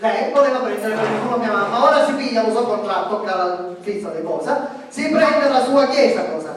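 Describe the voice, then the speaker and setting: A woman plays an exasperated, suspicious Sicilian daughter in a live dialect comedy. She scolds insistently in a high voice. The sound is distant and very echoey, with noise behind her. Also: lively intonation, fairly quick, close to an everyday voice. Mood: furious. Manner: scolding, repetitive, loud outbursts. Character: exasperated, suspicious grown daughter of gullible mother. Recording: echoey hall, distant mic, background noise.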